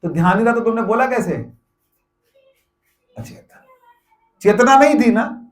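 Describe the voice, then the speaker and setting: A man's voice: extremely high pitch, expressive, unhurried. A middle-aged man giving a devotional discourse to a gathering, asking rhetorical questions and answering them himself, often repeating phrases for emphasis. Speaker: spiritual teacher. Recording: echoey room.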